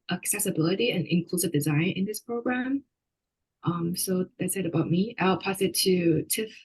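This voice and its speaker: Student panelist: woman, slightly low voice, calm and measured. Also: breathy edge, rough recording. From China. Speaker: graduate student. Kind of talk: casual panel introduction.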